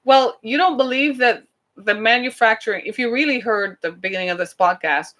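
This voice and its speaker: Brisk and a bit bright, her voice on the high side, a British Caribbean woman with a Caribbean accent runs a podcast. She delivers a chatty, emphatic monologue that leans heavily on rhetorical questions.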